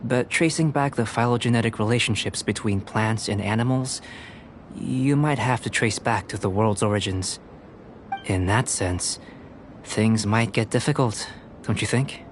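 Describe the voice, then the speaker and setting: A man's voice: fairly low pitch, slight background noise, natural voice. Cool, analytical young alchemist, played by a man. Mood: composed, musing. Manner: measured, analytical, precise, professorial. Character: cool, cerebral young male alchemist, calm and detached. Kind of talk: anime-style video game voice acting.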